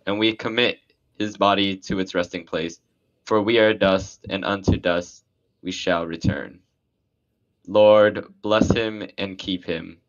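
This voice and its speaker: Deep male priest, solemn liturgical delivery at a graveside, dull lo-fi sound. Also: fairly bright tone. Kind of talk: graveside committal prayer.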